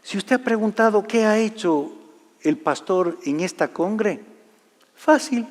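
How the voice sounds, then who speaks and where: High-voiced preacher in an echoing hall. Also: male voice, expressive, takes it slowly. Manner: storytelling, swings from loud to hushed. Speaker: pastor. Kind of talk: sermon testimony. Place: large church hall. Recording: live church hall reverb.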